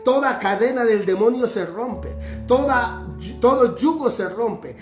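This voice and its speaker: A man's voice: extremely high pitch, expressive, unhurried. A man from Honduras, preaching a sermon in a fervent, repetitive cadence. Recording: roomy echo with faint music behind.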